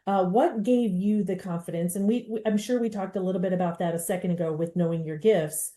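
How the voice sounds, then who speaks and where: Mellow-voiced woman hosting a chat. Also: lowish voice. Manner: animated, fast-talking with restarts. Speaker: podcast host. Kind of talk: conversational interview.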